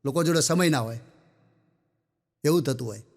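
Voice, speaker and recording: High-voiced man telling stand-up jokes. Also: moderate pace, creaky. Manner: chatty, addresses the audience as sir, acts out characters. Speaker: stand-up comedian.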